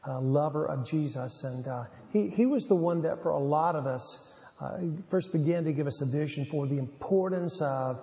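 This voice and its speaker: A man's voice: a little high, normal speed, warm tone. A man in his seventies with a rural North Carolina Southern accent, a former youth pastor giving a folksy, rambling talk to an audience with lots of filler uhs. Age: 70s. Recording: roomy hall, slightly dull lo-fi.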